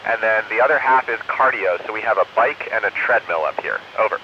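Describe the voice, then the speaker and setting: Guy on a crackly space station radio link, earnest, says over after each answer, muffled sound with a little static hiss. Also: fairly low pitch. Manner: earnest and measured, ends each answer with 'over'. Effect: crackly space-to-ground radio downlink. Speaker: astronaut answering student questions.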